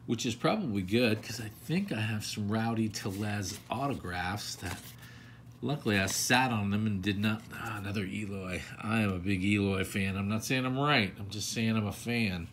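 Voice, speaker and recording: An older man hosting a card collector channel opens packs indoors at a table, chatting casually with rambling, self-deprecating asides as he handles the cards. His voice is on the low side and fairly bright, at normal speed, with a little hiss or hum.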